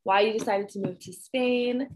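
A woman's voice: medium pitch, steady tone, normal speed, background noise. Young woman, host, video call, hesitant fillers, casual chat. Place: small room indoors.

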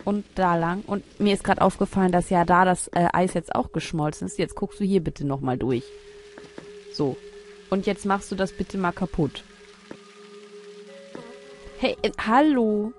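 A woman's voice: on the low side, a little slow, long pauses, faint music behind. A woman commenting casually on her gameplay, muttering and puzzling aloud as she thinks. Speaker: let's play host.

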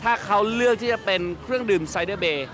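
A man's voice: sits high, animated, fast. A young man hosting a playful street vox pop at a night event, teasing and upbeat, speaking into a handheld mic. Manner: teasing, upbeat, polite ending particles. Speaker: street interviewer. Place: busy outdoor city event at night. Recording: outdoor event with loud music and crowd. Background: loud music and crowd.

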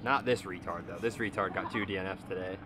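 A young man talks casually into a handheld camera outdoors, his voice weak and pained, slangy and a bit dejected. Steady outdoor noise and passing vehicles sit clearly behind him. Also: sits low, fast. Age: young adult. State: in pain and weak. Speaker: motocross racer and vlogger. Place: outdoor race pits by trucks and trailers. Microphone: handheld camera at arm's length.

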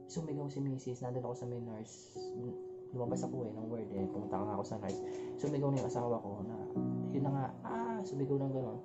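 A young man telling a personal story in a halting way, full of fillers and restarts. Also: medium pitch. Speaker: vlogger, husband recounting a loss. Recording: dull lo-fi sound over guitar music.

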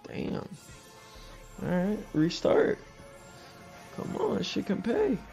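Slow, gravelly man streaming slots. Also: sits high, wildly swooping pitch, warm tone. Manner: slangy, bro-talk, swearing. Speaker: gambling livestreamer. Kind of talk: casual live slot commentary. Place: small indoor room. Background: slot game music.

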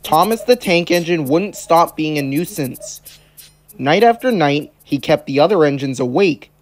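A man narrating a children's story in a gentle, measured storybook style. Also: fairly high pitch, animated, soft background music.

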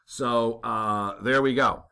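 A navigation instructor works through a navigation calculation as a math lesson, talking over his own writing and thinking aloud with many fillers and quick "okay?" checks. His medium-pitched voice is bright, a bit tense, creaky yet smooth, and steady in tone.

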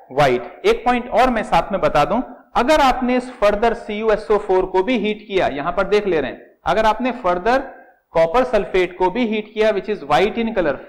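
A middle-aged man with an Indian accent teaching chemistry step by step, asking questions and answering them himself, and calling his students "beta". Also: high voice. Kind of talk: classroom lecture in Hindi with English terms.

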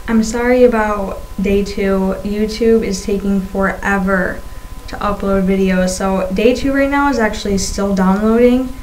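Young woman vlogging, talks slow n lispy cause of swollen tongue piercing, halting, bit of noise on the webcam mic. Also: medium pitch, a little mellow, low-quality recording. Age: young adult. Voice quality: lisping, thick-tongued speech from a swollen, newly pierced tongue. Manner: halting, labored articulation. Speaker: video blogger. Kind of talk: casual vlog chat. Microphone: webcam at arm's length. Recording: faint-to-clear noise on webcam audio.

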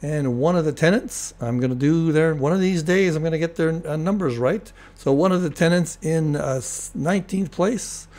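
Older guy, voice kinda cracky, clears his throat, rambles through race replay commentary, lots of ums. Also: fairly high pitch, normal speed, hardly any pauses. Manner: relaxed, rambling, many fillers and restarts. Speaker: host of a sim racing replay show.

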